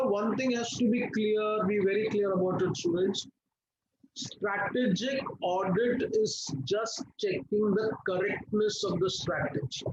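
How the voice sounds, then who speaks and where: A high-pitched male teacher with an Indian accent lectures an online class. He coaxes his students along, often checking their attention and posing questions that he answers himself. The audio is dull and lo-fi, with faint noise. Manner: coaxing, checks attention, asks and answers own questions, drops into Hindi.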